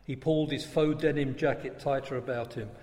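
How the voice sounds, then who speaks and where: A man giving a measured storybook reading. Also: mid-range voice, fairly even intonation, a little mellow. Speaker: narrator. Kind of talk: storybook narration. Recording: long reverb.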